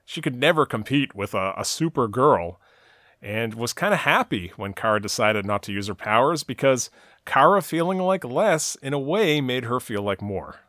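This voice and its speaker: A man's voice: medium pitch, expressive, normal speed, fairly bright tone, dry recording. Man recapping a TV episode, dry close sound. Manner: narrates the plot at length, with frequent "uh" and "you know". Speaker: podcast co-host recapping a TV episode. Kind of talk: casual recap chat.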